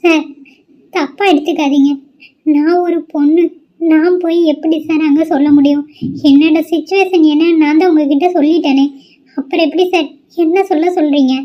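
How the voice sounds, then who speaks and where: A woman's voice: high-pitched, fairly even intonation, moderate pace, natural voice. A woman voicing an upset young college student in a cartoon, pleading and protesting. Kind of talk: cartoon voice acting. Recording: dull lo-fi audio.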